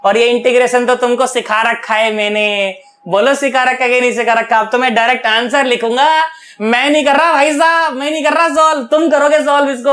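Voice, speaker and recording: A man's voice: very high voice, fairly bright tone. A male physics teacher giving an online video lecture, chatty and coaxing, often checking that students follow, earnest and affectionate toward them.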